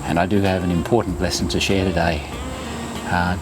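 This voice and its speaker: A man's voice: deep voice, steady tone, quick pace, background noise. A man in his sixties talking casually to camera as a running vlogger, chatty, instructive and reassuring as he shares tips. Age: 60s.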